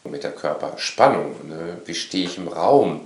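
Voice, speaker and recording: A man in casual conversation, talking in an animated, rambling way and often tagging his sentences with a questioning "ne". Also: sits low, measured pace, slight background noise. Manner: animated, rambling, frequent tag "ne?". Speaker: course instructor. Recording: echoey room.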